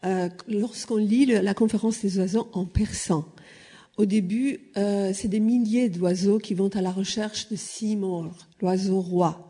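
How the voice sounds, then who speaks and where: A woman's voice: medium pitch, fairly even intonation, unhurried, mellow, slightly rough. A woman from Iran, a native Persian speaker, explaining points at a panel, with frequent hesitations and filler sounds.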